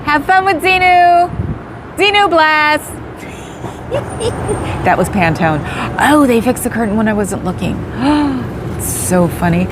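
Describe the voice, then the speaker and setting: A woman hosting a livestream from a car parked outdoors chats casually, thanks viewers by name, and laughs often. Her voice is fairly high, with background noise in the recording.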